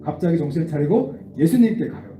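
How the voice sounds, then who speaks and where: A man gives a children's sermon, animatedly leading the kids through a Bible passage and asking them questions. His voice is on the high side and quick. The room is echoey, the mic distant, with faint noise.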